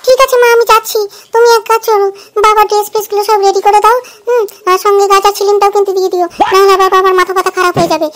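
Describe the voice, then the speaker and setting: Woman doing a squeaky cartoon goddess girl, super high, nags fast and chatty. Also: little pitch movement, fairly bright tone. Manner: eager, nagging, chatty. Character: young goddess daughter, chirpy and bossy. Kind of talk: cartoon voice acting.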